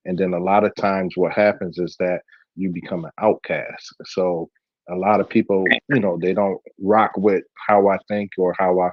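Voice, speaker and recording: A man with a very low voice co-hosts a podcast in a loose, rambling storytelling way. The sound is dry and a little dull. He keeps the chat casual. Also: level tone, normal speed, dry recording. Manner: rambling, storytelling with many fillers. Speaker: podcast co-host.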